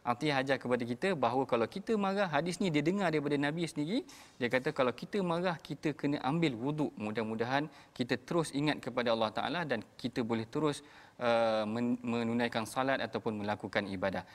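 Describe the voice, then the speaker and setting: A man hosting a religious TV program, explaining calmly and addressing the viewers directly. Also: medium pitch, fast talker, big-room sound. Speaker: host.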